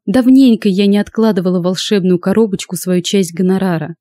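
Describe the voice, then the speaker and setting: Mellow-voiced woman reading a story. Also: mid-range voice, fairly even intonation, brisk, no room sound. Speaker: audiobook narrator. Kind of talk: first-person fiction narration.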